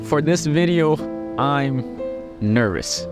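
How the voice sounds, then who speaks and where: A middle-aged man who is a Buddhist monk, talking gently and earnestly to camera about life lessons, with frequent pauses. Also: fairly high pitch, expressive, over music. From Laos. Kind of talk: personal reflective talk to camera.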